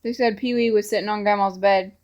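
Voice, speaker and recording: A woman's voice: medium pitch, fairly even intonation, brisk, darkish tone, dull audio. A woman, the storyteller's daughter, chiming in briefly as she listens. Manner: chimes in briefly.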